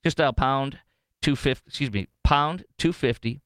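With an American accent, a man hosts unscripted talk radio that includes live ad reads, sounding opinionated, jokey and emphatic and frequently digressing. His mid-range voice moves at a moderate pace with a fairly bright, clean tone, recorded dry in a clean studio.

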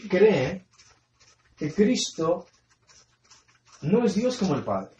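Preacher, male, slightly high voice, emphatic teacher who repeats key words, recorded in a roomy hall. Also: darkish tone, highs cut off. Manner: quizzes listeners with fill-in-the-blank questions. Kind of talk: Bible study sermon. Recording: echoey room sound.

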